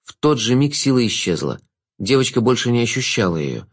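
Man, audiobook narrator, lively intonation, expressive storytelling. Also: medium pitch, brisk, slightly rough. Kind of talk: scripted fantasy narration.

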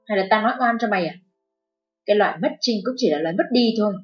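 A woman's voice: medium pitch, animated, brisk, close to an everyday voice. A woman voicing an abusive, furious middle-aged mother-in-law who shrieks and wails, in a narrated audio story. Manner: screeching, abusive, wailing. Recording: dull lo-fi with faint music.

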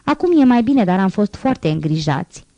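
A woman voicing a shy, devout nun who nurses the sick, speaking higher and timidly. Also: sing-song, dark tone, no echo, highs cut off. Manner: shy and pleading.

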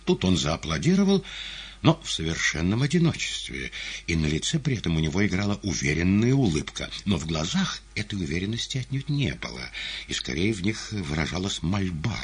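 A man narrating an audiobook in an expressive, dramatic reading with a husky voice. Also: sits low, a little fast.

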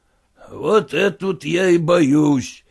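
A man's voice: on the high side, takes it slowly, vocal fry, darkish tone, husky, heavily acted. A man voicing a stern elderly general who talks curtly and commandingly. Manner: curt, commanding, dry laughter. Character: stern elderly male general, gruff and mocking.

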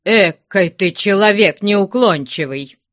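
A man's voice: fairly high pitch, expressive, slow, pushed and bright, dry recording, clean studio sound, exaggerated voice. A man reading aloud, voicing an older villager who keeps urging and admonishing a stubborn younger man. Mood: persuading. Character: persuasive older male villager, insistent.

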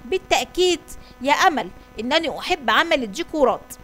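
A woman reading as a quiet twelve-year-old girl. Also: sits high, expressive, quick pace, slight background noise. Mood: gentle.

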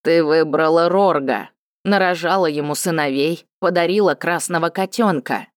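Woman reader doing a vengeful male cat-folk villain for a fantasy audiobook, cold and low, dry close read. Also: moderate pace, dry recording, lightly acted. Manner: cold, low and hissing with hatred. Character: bitter vengeful male cat-folk lord, middle-aged.

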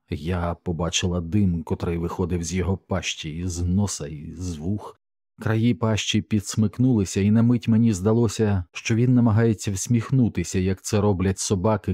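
Deep dark-voiced male audiobook narrator. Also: dry recording, clean studio sound. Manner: measured, somber storytelling.

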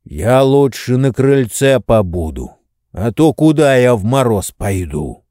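A man voicing a lazy old manservant who grumbles and makes excuses in a low, indifferent tone. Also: big pitch swings, unhurried, warm tone, no room sound, studio quality.

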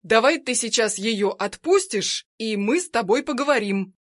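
A desperate husband, read by a woman, straining and urgent as he pleads and threatens. The voice stays close to the reader's own fairly high tone, with only a small lift in loudness. The sound is dry, as in an audiobook. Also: animated, normal speed, no room sound. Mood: urgent, pleading.

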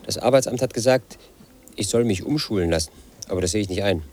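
In a radio drama, an actor in his late thirties with a lowish, slightly mellow voice speaks quickly as a lonely, suspicious house painter. Lightly acted, it's a brooding, bitter inner monologue in which the protagonist narrates his own life.

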